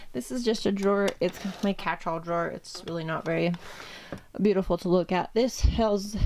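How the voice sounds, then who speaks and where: A woman's voice: mid-range voice, a little mellow, a little hiss or hum. A young woman casually chatting as she walks through her small home filming room, a little out of breath and rambling. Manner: chatty, rambling, self-deprecating. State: slightly out of breath. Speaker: beauty vlogger. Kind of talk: casual tour narration.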